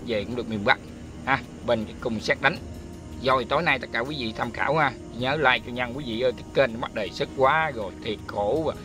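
Chatty man. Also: medium pitch. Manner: chatty, complaining, addresses viewers often. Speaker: spiritual channel host. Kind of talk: casual talk to viewers and a chanted prayer.

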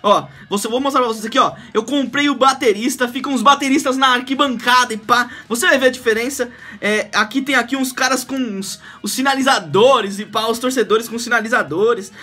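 Brazilian dude doing casual gameplay commentary, lots of slang and exclaiming, jokey. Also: male voice, very high voice, a little fast, hardly any pauses, sharp tone. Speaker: gaming video host. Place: small indoor room.

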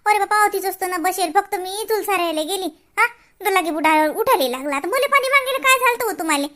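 A woman's voice: extremely high pitch, expressive, brisk, sharp tone. A woman playing an old grandmother in a rural comedy sketch, chattering and complaining.

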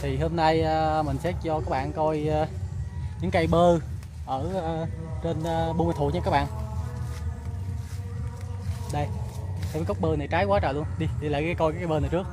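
A man in his thirties with a Southern Vietnamese accent, chatting to viewers as he walks through a farm garden, filming himself with a phone held at arm's length and pausing often on fillers. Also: on the high side, steady tone, music in the background. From Mekong Delta, Vietnam. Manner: chatty, many filler pauses, addresses viewers. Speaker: vlogger. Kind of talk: casual walking tour vlog. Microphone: phone camera held at arm's length.

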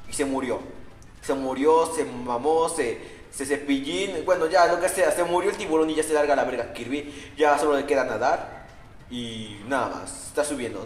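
A man's voice: fairly high pitch, moderate pace. Slangy young man, echoey room. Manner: crude, slangy, mocking. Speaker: parody narrator. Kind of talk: casual comic game narration. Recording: echoey room with long reverb, faint music. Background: faint music.

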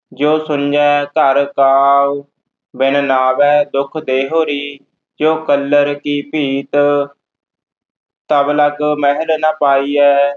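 Man chanting scripture in a flat monotone. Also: on the high side. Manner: very slow, monotone, measured reading. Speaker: student reciter. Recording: tinny phone-like audio.

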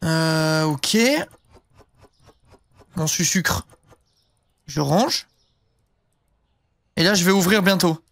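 A man's voice: a little high, extremely slow, vocal fry, long pauses, fairly bright tone, no room sound. A young man streaming a game, chatting casually and rambling with lots of fillers and casual swearing. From southern France. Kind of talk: casual live-stream chat while gaming.

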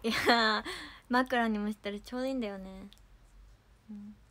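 A young woman casually chatting on a livestream, reading viewer comments with playful giggles and trying quick cartoon impressions. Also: mid-range voice, steady tone, a bit bright. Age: young adult.

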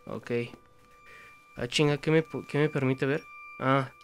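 A man's voice: medium pitch, fairly even intonation, unhurried, slight background noise. A young man with a Mexican accent commenting on a horror game, swearing constantly and talking to himself. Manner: profane, talks to himself, bursts into frightened yelling. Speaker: gameplay commentator.

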